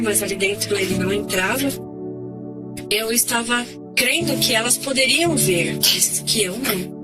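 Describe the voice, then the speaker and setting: A woman recounts her testimony as a camp counselor, speaking in a steady storytelling manner at a middle pitch. Loud music runs underneath her voice the whole time. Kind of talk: personal testimony narration.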